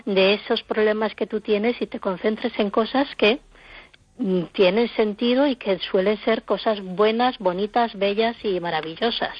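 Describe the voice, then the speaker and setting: A woman's voice: medium pitch, normal speed. Chatty woman with a dull radio sound. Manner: chatty and explanatory, piles up examples. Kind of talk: casual radio chat.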